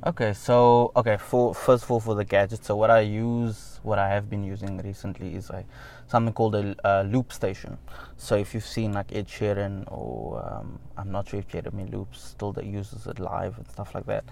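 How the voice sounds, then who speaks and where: A man's voice: fairly low pitch, normal speed, creaky, darkish tone, slight background noise. A man, a musician answering interview questions in a loose, rambling way with many fillers and the odd wry laugh. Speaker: musician guest.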